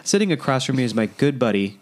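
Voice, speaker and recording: A man hosts a casual movie podcast, joking with his friends and laughing often. He is a little under the weather but keeps an easy, relaxed manner. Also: medium pitch, quick pace. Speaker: podcast host.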